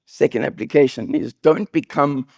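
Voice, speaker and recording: A man preaching a sermon as pastor, with an accent, telling humorous stories with sudden high bursts of emphasis. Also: normal speed, dry recording. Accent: non-local accent. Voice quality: gravelly, husky voice. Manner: animated, jokey storytelling with sudden high bursts.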